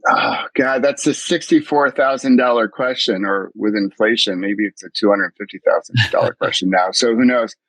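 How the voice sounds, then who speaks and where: The voice belongs to a middle-aged man from the US East Coast: fairly low in pitch, fairly bright, at normal speed with few pauses. As a mindfulness coach and podcast guest, he recounts his story in an interview, earnest and reflective, frequently restarting. The audio is poor, with no room sound.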